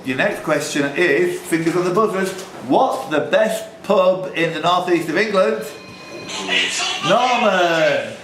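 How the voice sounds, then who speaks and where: A man with a high voice hosts a live pub quiz at a slow pace, reading out questions and jokingly teasing the contestants in a chatty way. The recording, made indoors, sounds roomy and noisy.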